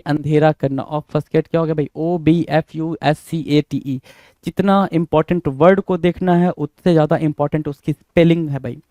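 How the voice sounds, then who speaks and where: A man with an Indian accent teaches exam vocabulary in a mellow, fairly high voice. He repeats every word, spells it out letter by letter, and keeps quizzing the class. The sound is close and dry, with no room echo. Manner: repetitive, spells words letter by letter, quizzes listeners. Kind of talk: exam-prep vocabulary lesson.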